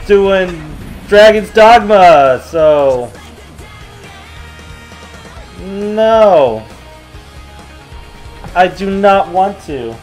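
A young man trades jokes with a friend while playing a video game, talking slowly and somewhat high for a man. He swears freely and breaks into excited yelps. Game music plays faintly underneath. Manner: joking, swearing, excitable outbursts. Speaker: let's play gamer. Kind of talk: casual gaming commentary.

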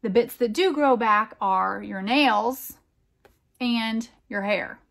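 This middle-aged American woman, a children's storytime reader and teacher, reads a picture book very slowly in a fairly high voice with some vocal fry. She's expressive and emphatic, stressing key words, phrasing carefully for little ones, and dropping in chatty asides.

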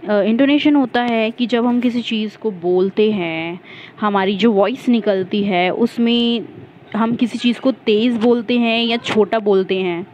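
A woman's voice: medium pitch, darkish tone, a little hiss or hum, rough recording. Woman teacher explaining exam answers step by step. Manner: explains step by step, mixing Hindi and English terms, corrects own slips. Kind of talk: exam-prep lesson.

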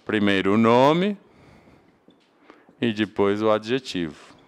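A man's voice: fairly low pitch, expressive, slow, clean tone. A man from Portugal with a European Portuguese accent, teaching an English grammar class and asking his own questions before answering them. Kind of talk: classroom lecture.

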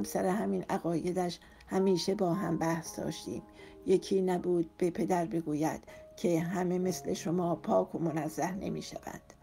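A woman's voice: on the low side, gravelly, dark tone. A woman reading a romance novel aloud in the first person, with an emotional storytelling delivery. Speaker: audiobook narrator.

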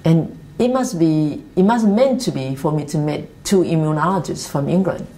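Low-voiced Taiwanese woman recalling her life. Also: expressive, warm tone, poor audio. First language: Mandarin Chinese. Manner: earnest, halting non-native English with restarts. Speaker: interviewee. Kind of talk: reflective life-story interview. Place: office meeting room, seated at a table.

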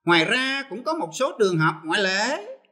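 Bright-voiced teacher. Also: male voice, sits high, big pitch swings, normal speed, husky. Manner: explains step by step, switching between Vietnamese and English. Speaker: English teacher. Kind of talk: televised lesson.

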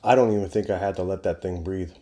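A man in his forties hosts a beer review video from a home bar, talking to camera in a low, mellow voice that stays steady while he speaks fast. He's enthusiastic, rambles freely, and swears casually along the way.

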